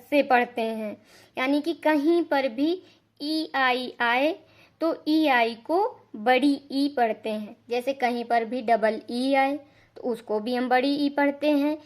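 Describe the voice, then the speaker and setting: A woman teaching English pronunciation rules, explaining slowly and patiently, repeating each rule and spelling out example words. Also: high-pitched. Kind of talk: slow classroom-style explanation.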